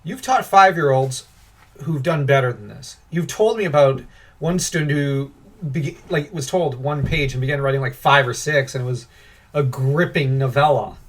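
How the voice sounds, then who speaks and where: A man's voice: mid-range voice, normal speed. A young man co-hosting a casual podcast, reading film reviews aloud and mocking them with sarcasm and frequent laughter. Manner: sarcastic, laughs often, animated ranting. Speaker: podcast co-host.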